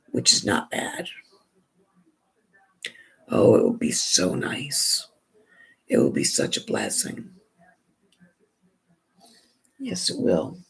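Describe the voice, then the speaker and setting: A hoarse woman with a gravelly, raspy voice, chatting in a rambling way and restarting often while she does her makeup for a vlog. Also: extremely low pitch. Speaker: beauty vlogger. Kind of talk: casual chat while doing makeup.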